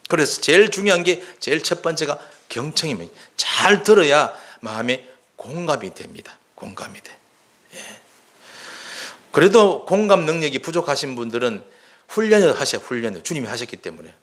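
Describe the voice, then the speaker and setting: Male pastor, a bit high-voiced, chatty earnest sermon delivery. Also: sing-song, brisk, fairly bright tone. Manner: earnest, conversational preaching with acted quotes.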